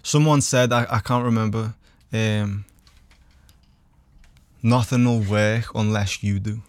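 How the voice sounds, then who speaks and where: Male guest, average pitch, earnest casual explainer, very dry studio sound. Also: fairly even intonation, slow pace, darkish tone, no room sound. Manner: earnest explainer, often checks "you know what I mean". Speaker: podcast guest. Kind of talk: casual, philosophical chat. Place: podcast studio.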